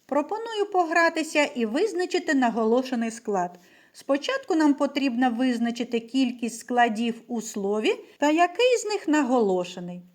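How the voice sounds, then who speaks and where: A woman teacher giving a literacy lesson to young children, stretching out words slowly and clearly so they can repeat after her. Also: high-pitched, very animated. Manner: slow, carefully stressed words for children to repeat. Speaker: primary school teacher.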